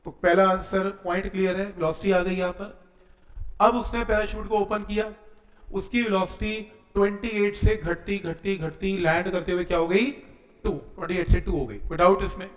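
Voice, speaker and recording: Male physics teacher, high voice, roomy echo, step-by-step explainer. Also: steady tone, normal speed. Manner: explains step by step, checking in with students. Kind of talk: exam-prep physics lesson.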